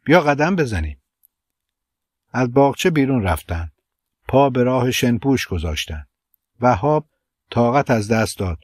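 A man narrating an audiobook of a literary novel in a measured, steady reading. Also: medium pitch, no echo.

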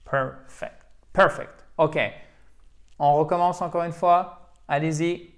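Man teaching English, slightly high voice. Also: little pitch movement, slow. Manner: explains patiently, checks in with "ok?" often. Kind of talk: language lesson for French speakers.

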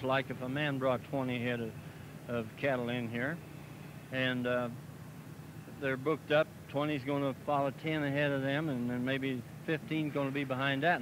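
Standing by a cattle pen, a middle-aged man from Missouri who represents a packing plant for a farmers group answers a filmed interview. He talks in a plain, mid-pitched way, halting frequently with "uh" and asking "see?". The sound, recorded on a handheld mic held by the interviewer, has steady noise typical of old 16mm film.

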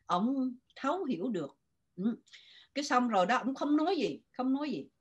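A woman's voice: sits high, sing-song, moderate pace, slightly rough, muffled recording. An older woman from Vietnam with a Southern Vietnamese accent, telling her story animatedly as an interview guest and switching between Vietnamese and English. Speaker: guest writer.

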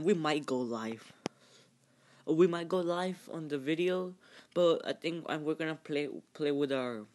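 A man giving casual gameplay commentary as a channel host. He talks in a halting, rambling way with many fillers and restarts, and cheers loudly at the game. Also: fairly high pitch, dry recording. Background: game music.

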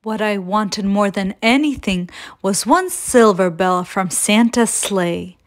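A woman reading a children's picture book aloud as a storyteller, gentle and expressive. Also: mid-range voice, takes it slowly.

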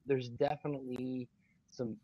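A man's voice: mid-range voice, level tone, moderate pace, dark tone, muffled recording. A man co-hosting a casual beer show, rambling with lots of fillers and restarts. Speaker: podcast co-host. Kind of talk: casual chat.

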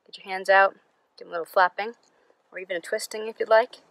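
A woman's voice: medium pitch, steady tone, quick pace, a bit bright, dry recording, low-quality recording. A woman outdoors casually explaining a dance move in a friendly way. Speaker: dance instructor.

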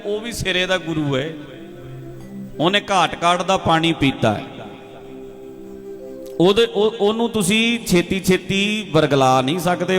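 A male preacher giving an animated sermon that tells a story, repeating points for emphasis. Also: high voice. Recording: echoey hall with faint music.

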